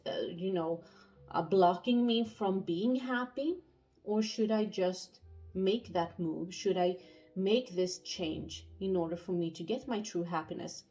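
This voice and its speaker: Breathless young woman, pregnant, halting tarot reader, casual monologue. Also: mid-range voice, darkish tone. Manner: halting, many fillers and restarts.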